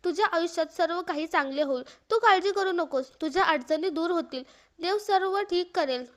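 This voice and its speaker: Casting: a woman doing a stern but caring aunt in a storybook, high voice, scolding then soothing. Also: moderate pace. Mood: consoling.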